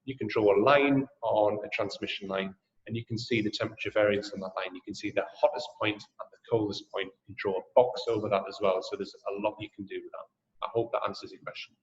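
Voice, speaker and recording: In echoey, dull webinar audio, a drone sales trainer from Newcastle, England, with a Geordie accent, presents and takes questions. He talks quickly with fairly even intonation, giving a friendly pitch peppered with ums and uhs.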